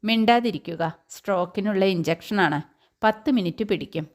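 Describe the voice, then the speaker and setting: A woman's voice: mid-range voice, normal speed, natural voice. A woman voicing a kind young female nurse who talks to a patient in a soothing, coaxing way. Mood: gently firm.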